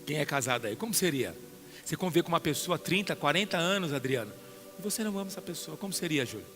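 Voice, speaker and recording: A Brazilian pastor with a Brazilian Portuguese accent preaching a sermon to a congregation, questioning listeners by name and building to loud emphatic peaks. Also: male voice, on the high side, animated, quick pace, soft background music. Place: church hall.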